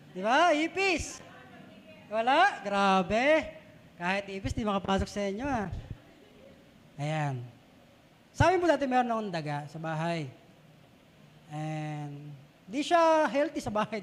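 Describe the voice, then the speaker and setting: Filipino guy preaching, really high voice, big hall reverb, keeps asking the crowd stuff. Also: sing-song, a little slow, long pauses, a bit bright. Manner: conversational, asks the congregation questions. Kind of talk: sermon. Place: church hall. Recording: long reverb of a church hall.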